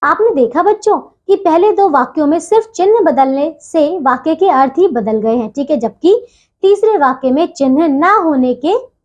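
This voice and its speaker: High-voiced woman teaching children Hindi grammar. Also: lively intonation, a little mellow, muffled recording. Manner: patient, keeps asking "theek hai bachchon?"; leaves deliberate pauses between phrases. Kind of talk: classroom lesson for children.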